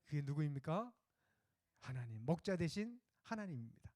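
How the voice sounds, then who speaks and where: A male pastor preaching a sermon in a conversational, anecdotal way, with fillers and pauses. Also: a little high, sing-song, a little mellow, dry recording.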